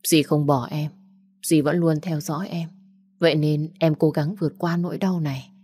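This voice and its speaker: A woman doing a gentle comforting young man. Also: low voice, steady tone, normal speed, a little hiss or hum, natural voice. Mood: coaxing. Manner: coaxing, protective.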